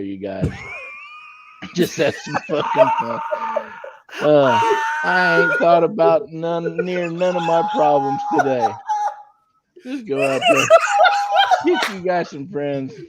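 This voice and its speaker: A man's voice: fairly high pitch, lively intonation, takes it slowly, heavy background noise. A boisterous man on a casual sports podcast who swears and laughs a lot. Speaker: podcast co-host.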